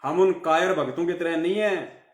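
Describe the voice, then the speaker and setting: In an echoing room, a man with a high voice and a faint tinge preaches a fiery devotional sermon live at moderate pace, scolding his listeners, asking rhetorical questions and repeating phrases for emphasis.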